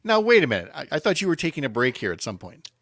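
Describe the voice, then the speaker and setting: A man hosting a talk radio show, joking in lively banter and then reading a sports roundup. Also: on the high side, no room sound, studio quality. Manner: animated, jokey banter with quick excited exclamations. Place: home by a lake window.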